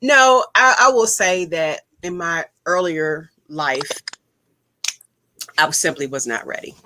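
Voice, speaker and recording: A woman on a video call telling a story in a casual group chat, animated and laughing often. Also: fairly low pitch, slow, no echo.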